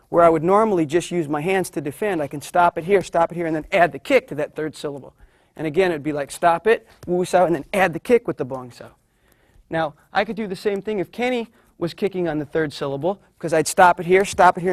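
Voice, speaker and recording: A man teaching a martial arts class with a fairly high voice. He explains each move while he shows it on a partner. The recording is dry and close. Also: dry recording. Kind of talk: instructional demonstration.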